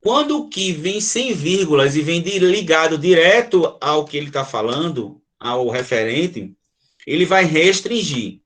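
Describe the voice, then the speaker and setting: A man's voice: fairly high pitch, expressive, unhurried, a bit bright. A man teaching a grammar lesson to a class, checking in with the students and restating his examples. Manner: checks in with listeners, often adding "tá?".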